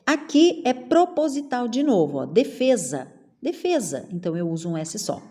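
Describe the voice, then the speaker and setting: A middle-aged woman with a Brazilian Portuguese accent, teaching a spelling lesson to children and drawing words out slowly, one at a time. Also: fairly high pitch, big pitch swings, mellow. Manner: slow, drawn-out word-by-word enunciation.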